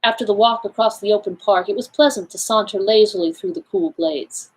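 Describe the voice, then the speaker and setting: A woman reading a classic novel aloud for a library storytime, with measured first-person narration. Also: mid-range voice, a little mellow, breathy edge, low-quality recording.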